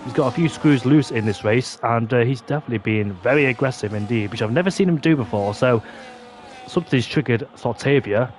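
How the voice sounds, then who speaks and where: A man's voice: medium pitch, brisk. Male motorsport commentator over engine noise. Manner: excitable play-by-play, exclaiming at on-track action. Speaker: esports racing commentator. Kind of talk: motorsport commentary of an online sim racing league.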